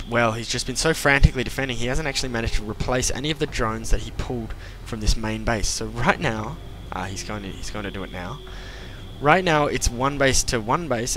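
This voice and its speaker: Brief: young male esports caster, mid-pitched, chatty play-by-play, faint hiss behind. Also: a bit bright. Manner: chatty, self-mocking, quick asides. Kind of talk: play-by-play commentary.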